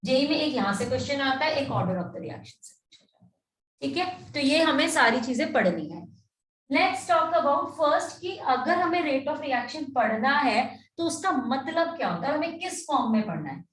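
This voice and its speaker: A woman with a high voice teaches chemistry in a lecture style, switching between Hindi and English and often asking whether her students follow. She is recorded from some distance in an echoey room. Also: sing-song, a little slow, a bit bright. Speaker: chemistry tutor. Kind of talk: classroom lecture.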